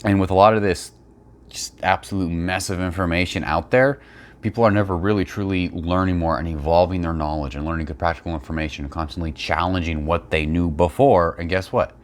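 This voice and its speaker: A man's voice: deep voice, steady tone, fairly quick. A man giving blunt, opinionated, unscripted commentary and explanations as a fitness video creator.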